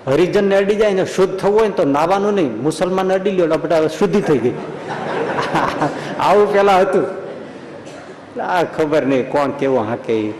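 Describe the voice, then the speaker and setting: A man's voice: a little high, animated, normal speed, darkish tone, a little hiss or hum. A man as a swami telling a story in a sermon, folksy and acting out the people in it. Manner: folksy, acts out voices in the story. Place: temple school hall. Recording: echoey hall with long reverb.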